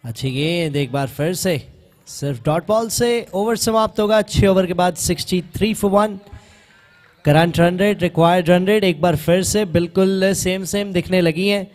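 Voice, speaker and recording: A man giving excited live cricket commentary as a match commentator. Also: high-pitched, normal speed, soft background music.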